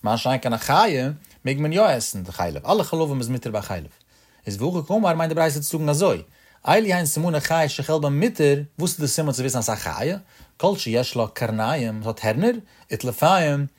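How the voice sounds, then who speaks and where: A man gives a religious law lesson at a middle pitch. He teaches in a sing-song study cadence that rises on his rhetorical questions, then drops back to explain.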